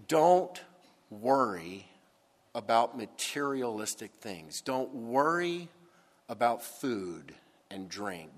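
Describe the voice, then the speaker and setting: A man's voice: mid-range voice, fairly bright tone. Man preaching at a pulpit microphone. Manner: deliberate, emphatic preaching. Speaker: pastor. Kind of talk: sermon. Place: church sanctuary. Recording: long church hall reverb.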